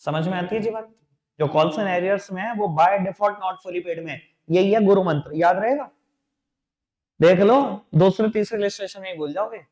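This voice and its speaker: A man teaching accountancy in a classroom lecture. He dictates entries slowly, mixes English terms with an Indian accent, and coaxes his students as beta and babu. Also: sits high, a little mellow. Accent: Indian English mixed into Hindi. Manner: addresses students as beta and babu, coaxing and repetitive.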